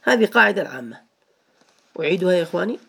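A man's voice: high-pitched, animated, racing, creaky, bright, forceful tone, slightly rough. A man teaching a grammar lesson to students, patiently repeating each rule and asking them questions.

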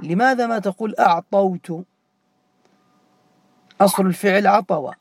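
A man's voice: sits high, moderate pace, no room sound. A man teaching a classroom grammar lesson, repeating key words and quizzing students by name.

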